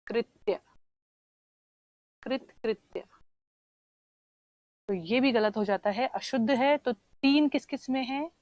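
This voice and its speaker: A woman teacher going through exam answers one question at a time. She explains slowly, spells out words while she writes them and keeps checking with "theek hai". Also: fairly high pitch, a little mellow, dry recording, muffled recording. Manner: often says "theek hai" to check understanding. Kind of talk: exam answer discussion lesson.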